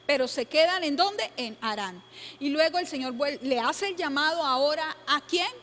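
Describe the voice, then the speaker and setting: A woman's voice: high-pitched, expressive, moderate pace, a bit bright, slight background noise. A woman teaching a Bible study class, emphatic, asking her listeners questions and answering them herself, repeating key points. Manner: emphatic, exclaims "tremendo". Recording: long hall reverb.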